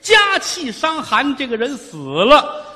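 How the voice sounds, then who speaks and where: A man's voice: extremely high pitch, wildly swooping pitch, takes it slowly, sharp tone, big-room sound, pitched above the performer's own voice, exaggerated voice. A man voicing a frail, grieving old mother with a trembling voice, in traditional comic storytelling. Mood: tearful.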